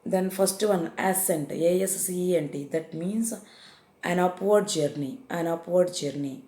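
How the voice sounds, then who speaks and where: Her pitch fairly low and her pace unhurried, a woman with an Indian English accent gives a vocabulary lesson on confusable English words. She says each definition twice and often pauses with fillers; her tone is warm and the sound is reverberant.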